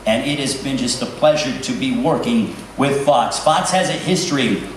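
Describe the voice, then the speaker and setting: A man's voice: medium pitch, normal speed. A man hosting a boxing press conference in a formal, showman-like ring announcer style, giving bilingual introductions. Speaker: press conference host and interpreter. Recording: echoey hall from far off, faint noise.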